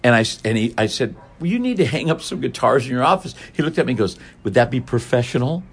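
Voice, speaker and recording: Husky man telling animated stories. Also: fast talker. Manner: acts out quoted voices with big pitch jumps. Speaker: podcast guest, speaker. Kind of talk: animated storytelling.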